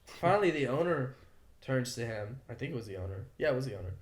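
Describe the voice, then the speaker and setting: A young man co-hosts a podcast. He tells a story in loose, heated casual talk, full of swearing and "like" fillers. His voice sits at an ordinary pitch and echoes around a roomy space. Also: animated, fast. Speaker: podcast co-host. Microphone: podcast mic. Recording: roomy echo.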